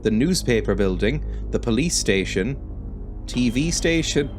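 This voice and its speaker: A man's voice: medium pitch, lively intonation, a little slow, soft background music. A young man giving wry, sweary commentary while playing a game, reading its text aloud and laughing often. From Ireland. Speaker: let's-play host.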